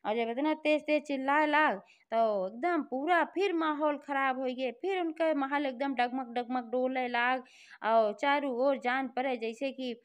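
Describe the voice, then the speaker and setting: High, smooth woman telling a folk tale. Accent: Bhojpuri-inflected Hindi. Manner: chatty, homely narration with filler address words. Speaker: storyteller.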